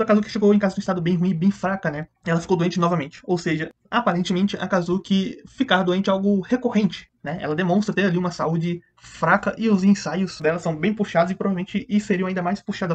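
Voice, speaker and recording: A man giving a casual, chatty recap of anime episodes, rapidly retelling the plot and quickly mimicking the characters' lines. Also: high-pitched, muffled recording. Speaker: anime reviewer.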